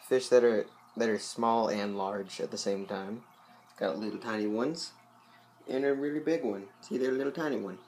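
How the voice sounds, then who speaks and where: A man's voice: fairly low pitch, a little hiss or hum. A young man chatting casually to his viewers about his aquarium, rambling with lots of fillers, his voice a little loose. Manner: rambling, many fillers and asides. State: voice a bit loose. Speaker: aquarium vlogger. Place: home, by a fish tank.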